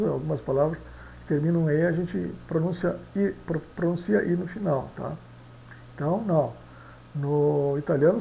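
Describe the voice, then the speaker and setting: A man's voice: fairly high pitch, vocal fry, dark tone, a little hiss or hum, poor audio. A man teaching a language lesson on pronunciation rules, often checking in with "tá?" and "né?". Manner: frequent "tá?" and "né?" checks.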